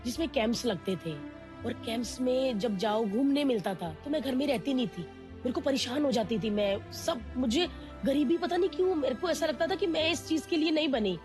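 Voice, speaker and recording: A woman with a fairly high voice tells a candid personal story. She talks in an animated way and slips into the voices of people she quotes. Faint music plays under her voice. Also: moderate pace. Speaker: guest.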